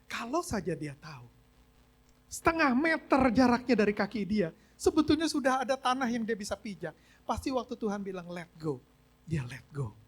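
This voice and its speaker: Husky pastor telling a sermon story. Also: male voice, very high voice, very animated, brisk. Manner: storytelling, mixes in English phrases. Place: church service.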